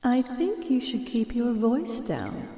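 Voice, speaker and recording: A woman voicing a calm, formal spirit bound to a coin, speaking in a measured way. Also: fairly high pitch, heavily acted. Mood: solemn. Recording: echoey with long reverb.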